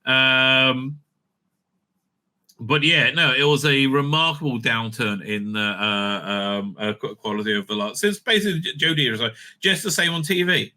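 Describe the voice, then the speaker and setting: With a bright, pushed, mid-range voice, this middle-aged show host rambles through casual opinions. His delivery is emphatic but halting, full of repetition and checks on what he's just said.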